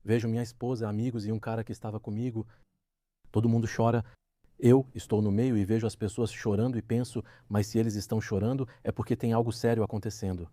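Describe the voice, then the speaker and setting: Low, mellow man telling his story. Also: level tone, fast talker, no room sound. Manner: vivid retelling, acting out quoted dialogue. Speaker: interview guest. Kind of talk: recounting a personal story in an interview.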